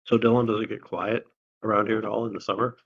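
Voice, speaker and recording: A man's voice: on the low side, level tone, quick pace, vocal fry, a bit bright, dull audio. A man, a board member, making friendly small talk and asking the people around the table questions. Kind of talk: casual chat before a meeting. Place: meeting room.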